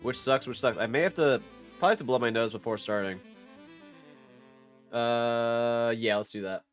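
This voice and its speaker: During a casual live stream of a game, a stuffy-nosed young man talks at normal speed in a mid-range voice. Relaxed and profane, he tends to repeat himself. Faint music sits in the background.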